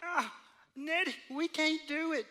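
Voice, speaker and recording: A woman in a church drama playing a nervous, soft-hearted male outlaw who stammers in a drawl. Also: high-pitched, a little slow. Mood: worried.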